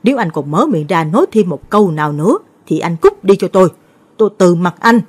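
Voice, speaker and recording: A woman voicing a grief-stricken old village grandmother over sixty, wailing in a shrill lament. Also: expressive, brisk, a little mellow, slightly rough. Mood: furious scolding.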